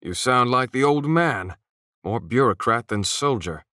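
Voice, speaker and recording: A man voicing a brash, hot-tempered male soldier lieutenant who talks loud and aggressive. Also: mid-range voice, lively intonation, measured pace, no room sound, clean studio sound, voice pushed up. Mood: scornful.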